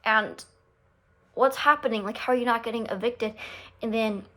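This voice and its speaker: A young adult woman telling a story in a casual vlog, animated and swearing freely as she acts out what people said. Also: fairly high pitch, moderate pace. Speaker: vlogger.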